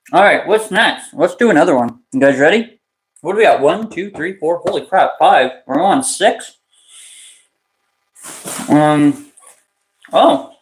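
A man hosting a toy live stream in casual chat, excited and chatty, laughing often and restarting his phrases. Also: on the high side, roomy sound, low-quality recording.

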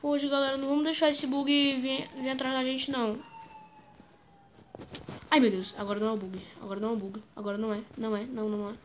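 A high, bright-voiced woman with a Brazilian Portuguese accent narrates her gameplay in a jumpy, excitable way. She repeats short words again and again as the game goes on. A faint hiss of noise sits under her voice. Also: fast. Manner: excitable, chants words over and over. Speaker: gaming YouTuber. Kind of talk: gameplay commentary.

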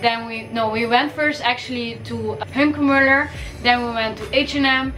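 Soft music plays behind a young Caribbean fashion vlogger as she talks through a casual shopping haul in her bedroom, upbeat and chatty despite a cold that may crack her voice. She speaks at a moderate pace in a slightly high, bit bright voice with fairly even intonation, and the audio quality is poor.

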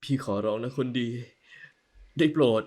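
A man voicing a tender young man in an audio novel, soothing and promising in a soft, low voice. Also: animated, normal speed.

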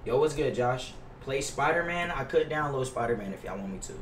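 A fairly quick, expressive medium-pitched voice with a fairly bright tone belongs to a young adult American game streamer. He talks casually with livestream viewers, cursing and using slang, often going over the same words again. His gaming headset mic, in an indoor room at his setup, gives a roomy, distant, noisy sound.

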